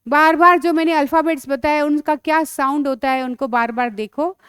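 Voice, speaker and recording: A woman teaching children phonics, sounding out letters slowly and coaxing the pupils along. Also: high-pitched, fairly even intonation, a bit bright, dry recording, studio quality. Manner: slow, drawn-out sounding of letters; coaxing, calls pupils beta.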